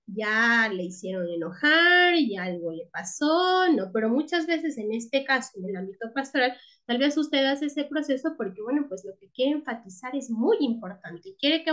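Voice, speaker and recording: Woman teacher lecturing, tag questions. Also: sits high. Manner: checks in with frequent tag questions; restarts words and repeats herself. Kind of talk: class lecture.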